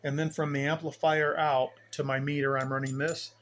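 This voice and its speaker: A hobbyist radio operator, a man with a slightly high, bright voice, gives a casual, unscripted tour of his station gear at his home radio bench. He talks at a normal speed with a flat delivery, rambling and thinking aloud in a folksy way. The home video has noticeable background noise.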